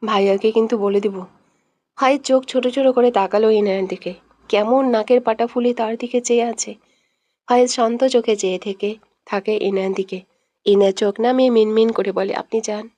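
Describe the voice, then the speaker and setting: A woman's voice: on the high side, fairly even intonation, brisk, warm tone, no room sound. A woman narrating a scripted romantic audio story, telling it steadily and acting out every role.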